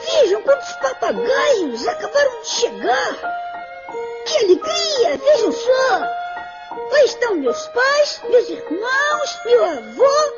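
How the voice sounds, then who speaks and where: Storybook parrot: eager, sociable little male bird, very high and lively, dull lo-fi sound. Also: slow pace, over loud music, full character voice. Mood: overjoyed. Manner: sing-song, exclamatory storybook delivery. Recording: dull lo-fi audio.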